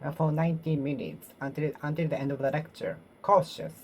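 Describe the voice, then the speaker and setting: A woman with a Japanese accent is practicing English by herself, talking aloud as she repeats phrases again and again, reworking them, pausing, and correcting herself. Her voice is deep, steady, and a little mellow. There is a slight hiss or hum in the audio.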